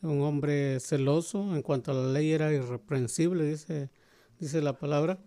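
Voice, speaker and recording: A man co-hosting a Bible discussion on the radio, affirming often and pausing to search for words. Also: on the high side, mellow. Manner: frequent affirming interjections, searches for words mid-sentence. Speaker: radio Bible program co-host.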